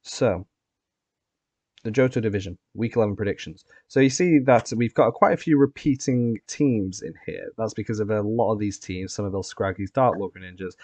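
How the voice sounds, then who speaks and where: Male host, lowish voice, close dry sound, casual recap and predictions talk. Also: a little mellow, dry recording. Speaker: podcast host and competitive player.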